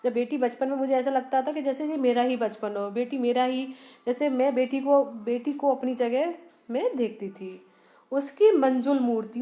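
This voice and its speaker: A woman's voice: high voice, mellow. A woman teaching a Hindi poem to students. She asks them questions and answers them herself, and she repeats and rephrases lines with small restarts. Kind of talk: poem explanation lesson for students.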